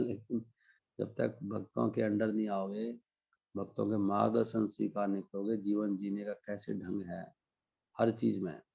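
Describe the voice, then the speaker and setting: A man with a gravelly, fry-laden voice gives a spiritual discourse, explaining scripture and drawing out Sanskrit verses. The recording sounds dull and lo-fi. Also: lowish voice, dark tone. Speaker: spiritual teacher. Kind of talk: devotional discourse.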